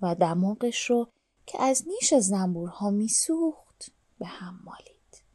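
A woman storyteller reading a children's story aloud, hushed and whispery, dramatic, speaking to the children listening. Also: medium pitch, sing-song, no room sound, studio quality.

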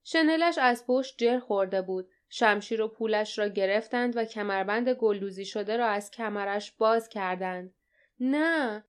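A woman narrating an audiobook in a steady, dramatic storytelling style. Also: mid-range voice, few pauses, clean tone. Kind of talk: scripted narration.

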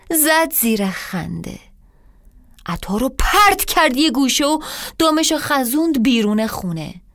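A woman's voice: high-pitched, fairly bright tone, no echo, clean studio sound. A woman reading her own story aloud dramatically, sometimes dropping to a whisper. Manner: dramatic, drops to a whisper at times. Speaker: storyteller and author. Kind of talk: scripted story narration.

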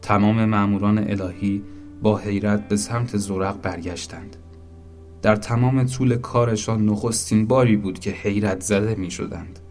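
Low-voiced male storyteller. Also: steady tone, a little mellow, soft background music. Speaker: narrator. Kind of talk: storybook narration.

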